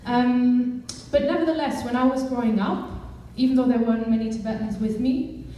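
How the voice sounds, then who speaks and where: Young woman, earnest speech, mellow voice, fairly high pitch, echoey hall, distant mic. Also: fairly even intonation, moderate pace, dull audio, slight background noise. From Germany. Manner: earnest and conversational, with many fillers. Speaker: campaigns director. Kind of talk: speech to a live audience. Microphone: far from the mic.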